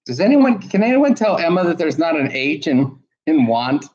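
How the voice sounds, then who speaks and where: A man's voice: a little high, sing-song, normal speed, a little mellow, slightly rough. A man co-hosting a casual livestream from home, making dry, teasing jokes. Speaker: co-host. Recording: dull lo-fi livestream audio.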